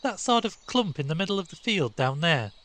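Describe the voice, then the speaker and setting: Cheeky, scornful schoolboy scout done by a male narrator, raised high and loud, sneering. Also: very animated, brisk. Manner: insolent, sneering.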